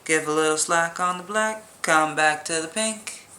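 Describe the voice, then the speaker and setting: A woman with a fairly low, very bright voice chats casually through a hands-on craft tutorial. Her S sounds are sharp and her nose whistles faintly. She is jokey and self-deprecating as she explains. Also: normal speed. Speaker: crochet tutorial host.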